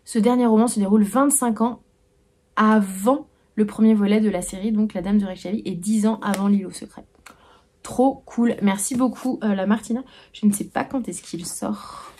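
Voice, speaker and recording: A young woman chats through her new books in a relaxed vlog, thinking out loud and stumbling over restarts. Her voice is mellow and warm, sitting at a middle pitch. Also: moderate pace, slight background noise. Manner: hesitant, full of "euh" and restarts, musing aloud. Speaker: book vlogger. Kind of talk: casual chat about received books.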